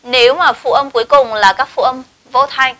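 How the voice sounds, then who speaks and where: A woman's voice: sits high, fairly even intonation, moderate pace, bright, forceful tone. A woman English teacher, giving a classroom lesson and checking in with her students through frequent tag questions.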